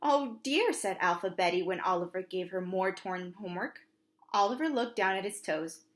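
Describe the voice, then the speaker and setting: A woman preschool teacher reads a storybook aloud to young children, delivering it expressively and adding simple asides to her listeners. Her voice is lowish and her pace moderate.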